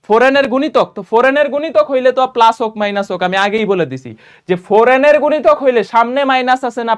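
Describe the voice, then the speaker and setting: A young man teaching a math lesson for exam prep, quizzing students with quick questions and mixing in English math terms. He sounds a little tired and low on energy after a run. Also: fairly bright tone, clean tone.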